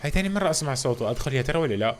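A young man commentating his gameplay for viewers, reacting loudly and excitedly to what happens on screen. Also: mid-range voice, racing, slight background noise. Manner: reacts loudly to game events, addresses viewers as "guys". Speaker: gaming channel host. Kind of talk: excitable let's-play commentary.

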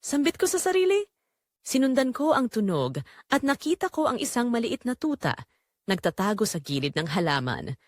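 Speaking with a Filipino accent, a woman narrates a scripted first-person romance as a tender young call center agent recounting her love story, in a heartfelt, wistful mood. Her voice sits a little high, with big pitch swings, at a normal speed. The studio sound is clean, with no room sound.

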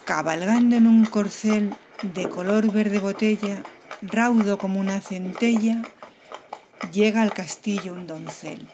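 A woman's voice: mid-range voice, measured pace, lo-fi sound, noisy background. A woman storyteller reciting a comic verse tale with a playful, rhythmic delivery. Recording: music playing behind the voice.

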